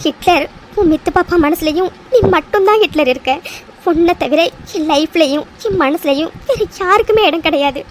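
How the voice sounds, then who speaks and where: A woman voicing a very high, playful bride-to-be. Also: moderate pace, a little hiss or hum. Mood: loving. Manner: teasing and affectionate, fond of exclamations. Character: playful young woman engaged to be married. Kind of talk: cartoon voice dub.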